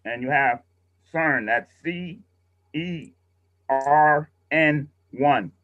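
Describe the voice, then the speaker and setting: A man leads a radio training class over a video call, teaching casually, patiently and step by step. His voice is fairly high and he speaks very slowly. The call audio is muffled and roomy.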